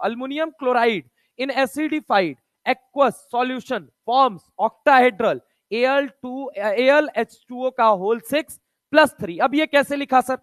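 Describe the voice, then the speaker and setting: A man with a very high-pitched voice teaches a chemistry lesson. He fires rapid questions at his students, counts atoms aloud and slips between Hindi and English textbook phrases with casual, chummy energy. The sound is dry and close, with no room around it. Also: fairly bright tone, no room sound. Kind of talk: online chemistry lecture.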